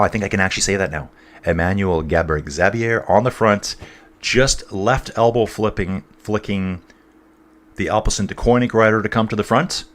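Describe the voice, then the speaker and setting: Low-voiced man chatting through a cycling livestream. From North East England. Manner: rambling, chatty, addresses viewers as dude and guys. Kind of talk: casual live commentary and chat reading.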